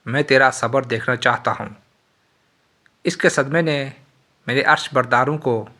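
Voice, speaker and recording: A man narrating a religious moral tale in a solemn, steady storytelling voice. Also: mid-range voice.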